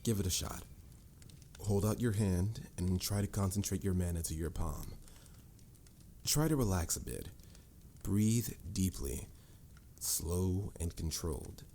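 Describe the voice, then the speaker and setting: With music behind him, a male voice actor performs a fantasy roleplay as a mage mentor who is patient, self-assured, a little boastful, and encouraging. His low, dark voice has lively intonation, a measured pace with long pauses, and a faint hiss or hum. The delivery is calm, instructive, and slightly formal in a theatrical manner.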